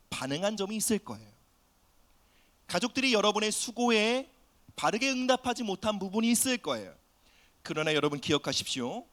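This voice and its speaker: Bright, lively-voiced man preaching. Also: high-pitched. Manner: earnest preaching, drops to soft near-whispers on key phrases; acts out quoted family voices in his preaching. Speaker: pastor. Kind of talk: sermon.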